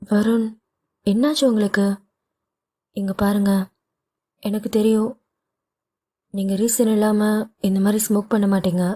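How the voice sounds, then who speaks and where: A teasing young wife coaxes and comforts her husband in an audio novel, as the reader puts her on. Her voice is mellow and warm, playful and gently coaxing. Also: medium pitch, fairly even intonation, a little slow, long pauses, close to an everyday voice.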